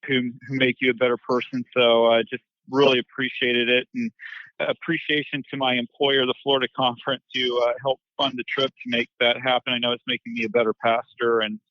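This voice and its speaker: Flat-voiced pastor on a remote line. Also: male voice, mid-range voice, a little fast, no room sound, highs cut off. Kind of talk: casual podcast chat by remote call.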